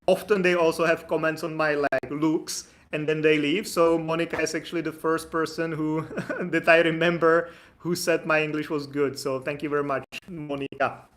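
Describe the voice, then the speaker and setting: Hosting a live stream, a Czech-born immigration consultant and native Czech speaker chats casually and jokes with viewers in his Czech accent. His voice is fairly high and a bit bright, with a level tone and moderate pace.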